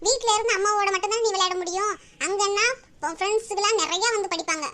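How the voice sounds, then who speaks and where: A woman's voice: extremely high pitch, steady tone, fast talker, a crowd in the background. Woman playing a coaxing cartoon mother. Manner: coaxing, scolding.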